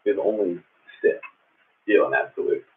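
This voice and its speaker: Muddy speaker-as-mic sound, husky man rambling. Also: lowish voice, huge pitch swings, normal speed. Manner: rambling, thinking aloud. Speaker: live streamer drawing comic art. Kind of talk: casual livestream chat while drawing. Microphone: Bluetooth speaker used as a microphone. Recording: muddy, phone-like Bluetooth speaker used as mic.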